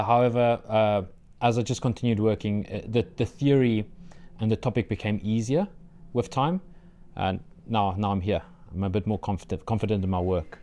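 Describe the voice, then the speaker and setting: Speaking with a South African accent, this young doctoral candidate, an Afrikaans native speaker, responds to an interviewer's questions about his studies. He's sincere and deliberate, leaning on plenty of fillers, and his fairly low voice has a dark tone.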